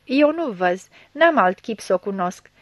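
A woman's voice: mid-range voice, lively intonation, no room sound, dull audio, natural voice. A woman reading a story aloud, voicing a bewildered, humble blind man with short, plain replies. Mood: pleading. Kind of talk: audiobook reading.

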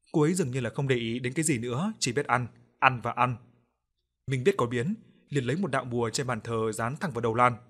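A man narrating a ghost story in a steady, ominous storytelling manner. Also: mid-range voice. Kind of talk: scripted horror narration.

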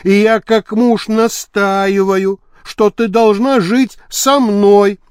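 A man doing a hoarse, tedious old husband. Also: high-pitched, expressive, a little mellow, dry recording, studio quality. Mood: pleading. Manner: slow, insistent. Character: old, tedious, stubborn husband, a school director.

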